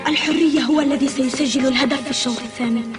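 A resolute young male cartoon footballer, played by an actor, combative and intense. The high voice sits slightly away from the mic beneath loud music. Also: fairly even intonation, racing, natural voice. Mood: determined. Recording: distant voice under loud music.

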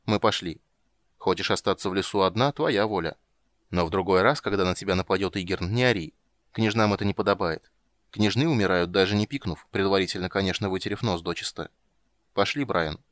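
A man doing a gruff, impatient witcher in a storybook reading, talking bluntly and sharply. The voice sits low and the sound is close and dry. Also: fairly quick, no room sound. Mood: dry mocking. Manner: sharp, blunt, irritated questioning. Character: gruff male witcher, curt and scolding. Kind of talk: audiobook character voice.

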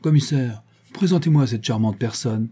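A man's voice: mid-range voice, moderate pace, mellow, husky. A man reading an audiobook, voicing a middle-aged town mayor who speaks in an unctuous, eager way.

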